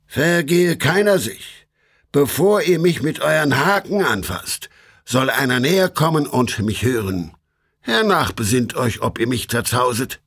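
A man voicing a wise male guide, an old poet who speaks steadily and reassuringly in a storybook reading, with a husky voice. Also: mid-range voice, expressive, normal speed, a bit bright. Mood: firm.

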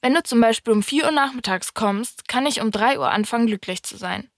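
A wise, wistful storybook fox who explains things patiently, as a woman reads him in an audiobook. Her voice stays fairly high and close, with a dry sound and no room echo. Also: a little fast, natural voice. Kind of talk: audiobook reading.

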